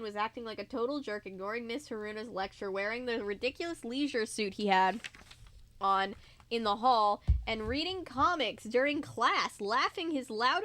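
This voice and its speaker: A woman's voice: on the high side, a bit bright. A young woman reading a book aloud at home into a microphone, swearing and exclaiming in disbelief between passages. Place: indoors, at home.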